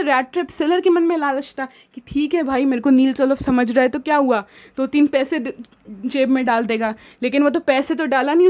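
High-voiced Indian woman teaching. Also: a little mellow. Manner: mixes Hindi and English, asks and answers own questions. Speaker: English teacher. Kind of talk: line-by-line lesson explanation.

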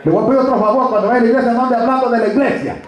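A man's voice: extremely high pitch, fairly even intonation, rapid-fire. A man preaching a sermon as pastor, speaking with emphasis and calling out to the congregation. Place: church hall. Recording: very echoey church hall.

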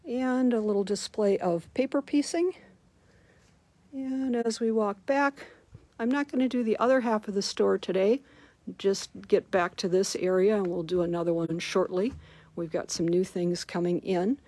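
A woman's voice: medium pitch, a little mellow, no echo. A woman giving a chatty walking tour of a large quilt shop, recorded on a handheld phone. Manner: slow, chatty, promotional.

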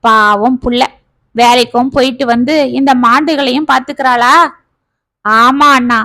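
A woman's voice: a little high, fairly even intonation, unhurried, bright, forceful tone, dry recording. A woman storyteller voicing a caring middle-aged village sister who fusses over her ailing brother. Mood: fussing.

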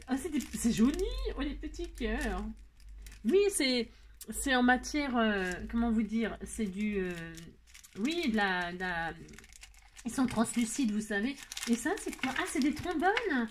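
A woman who makes crafting vlogs unboxes gifts and chats casually in a medium-pitched voice over slight background noise. Her delivery is chatty and exclamatory, with frequent laughter and lots of little tag words.

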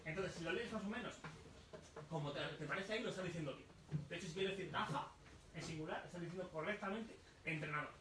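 A man presenting his book at a live bookshop talk, explaining slowly, repeating words and asking the audience questions. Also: high voice, a bit bright, a little hiss or hum. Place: bookshop event room. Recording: echoey room, voice from far off.

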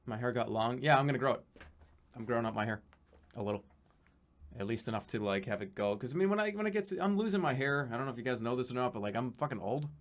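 Casually chatting on a live stream, a man in his 30s reads donations aloud from a small room at home, rambling and swearing with occasional excited yells. He talks quickly at a medium pitch.

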